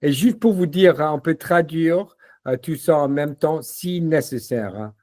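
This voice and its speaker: A man demoing a language-learning platform in a casual walkthrough, relaxed and full of fillers. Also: fairly high pitch, a little slow. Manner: relaxed, repeats words, many fillers.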